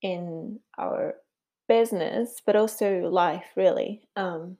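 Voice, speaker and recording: A middle-aged Swiss woman with a Swiss German accent hosts a casual podcast by herself, sounding chatty and upbeat and using frequent fillers. Her voice is mellow and on the low side, and she speaks slowly.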